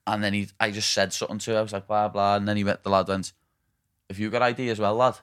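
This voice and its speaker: A man's voice: on the low side, flat delivery, fast talker, a bit bright, smooth, dry recording, clean studio sound. A young man, chatting casually and bantering as a podcast co-host. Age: 20s. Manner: laddish banter, says "lad" a lot. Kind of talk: casual chat.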